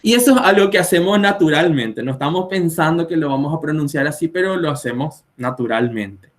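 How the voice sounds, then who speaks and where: Young Paraguayan man explaining calmly. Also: on the high side, fairly quick. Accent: Paraguayan Spanish. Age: 20s. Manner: explains patiently with spoken examples and fillers. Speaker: Spanish teacher. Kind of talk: explanatory talk on pronunciation. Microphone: live video stream.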